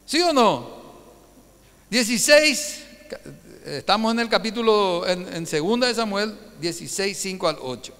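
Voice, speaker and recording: A pastor delivers a Sunday sermon in a high, sharp voice, firing rhetorical questions at his congregation. His words ring out with a long reverb from the church hall around him. He preaches with lively conviction.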